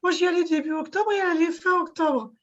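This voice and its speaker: High-voiced woman on a muffled line. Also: fast talker. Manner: expressive storyteller, laughs often. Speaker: guest, shop owner. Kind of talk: casual interview chat.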